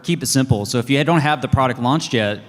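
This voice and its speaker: A man's voice: mid-range voice, fast talker. A man on a conference panel agrees with the others and adds his own advice. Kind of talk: advising at a seller conference. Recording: reverberant conference hall.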